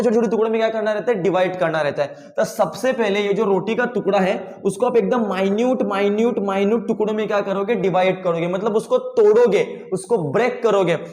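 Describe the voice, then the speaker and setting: A man's voice: sits high, darkish tone. A young man teaching biology, explaining with everyday examples and asking the class rhetorical questions. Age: young adult. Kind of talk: classroom lesson. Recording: echoey room with long reverb.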